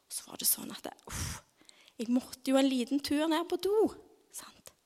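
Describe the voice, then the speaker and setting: A woman giving a devotional talk, telling a personal story expressively and often dropping into dramatic whispers, then praying softly. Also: sits high, animated. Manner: soft, half-whispered prayer. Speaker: speaker at a devotional gathering.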